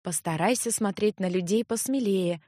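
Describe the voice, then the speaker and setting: A woman doing a brisk practical herbalist. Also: mid-range voice, warm tone, dry recording, clean studio sound, natural voice. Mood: instructive. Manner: matter-of-fact instructing.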